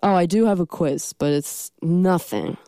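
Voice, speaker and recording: Stuffed up with a cold, a young woman hosts a college radio show from a studio, rambling casually with plenty of ums and self-deprecating remarks. Her voice is lowish and warm, unhurried, and recorded dry.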